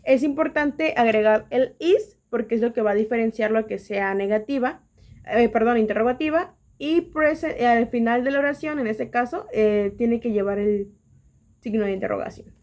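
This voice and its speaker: A young woman explains English grammar to a class. She hesitates often and slows down to read out her example sentences. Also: fairly high pitch, darkish tone.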